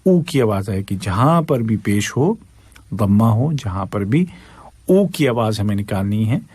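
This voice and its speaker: A man teaching Quran recitation, patiently explaining pronunciation rules and demonstrating each verse in a slow, drawn-out chant. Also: medium pitch, warm tone, slightly rough, no room sound.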